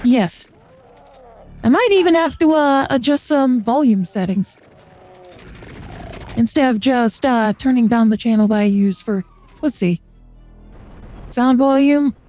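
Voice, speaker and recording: Here the feminized voice-changer sound sits in the mid range, with a darkish tone and a slightly slow delivery full of pauses. The VTuber rambles casually about the game with lots of fillers while faint music runs underneath.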